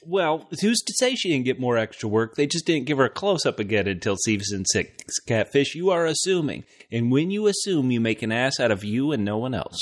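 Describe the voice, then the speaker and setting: A man's voice: medium pitch, very animated, a little fast, few pauses. A man co-hosting a comedic podcast, ribbing his partner in a teasing, playful way. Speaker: podcast co-host.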